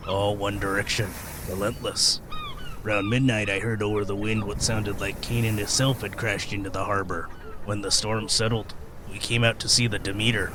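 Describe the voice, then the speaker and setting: In a radio play, a male actor with a lowish voice portrays a weathered, gruff old sailor spinning sea tales in folksy, hesitant rustic speech. It's lightly acted, with background noise.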